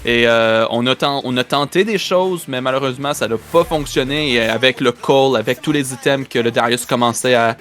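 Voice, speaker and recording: A man's voice: medium pitch, moderate pace, hardly any pauses, a bit bright. A man with a Quebec French accent giving live esports match commentary, often repeating and restarting his phrases. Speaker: esports play-by-play caster.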